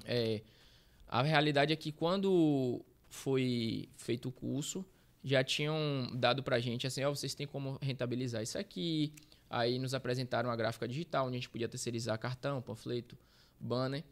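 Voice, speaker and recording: A man from Bahia, Brazil, in his thirties speaks in a mid-range voice at normal speed. As a guest in a casual interview, this street reporter tells his life story, meandering, fixing his own words, and using slang fillers.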